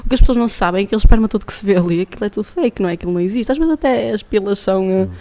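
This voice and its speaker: Woman, European Portuguese accent, frank casual chat, quick pace. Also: medium pitch. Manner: lively, frank, tag questions. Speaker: guest.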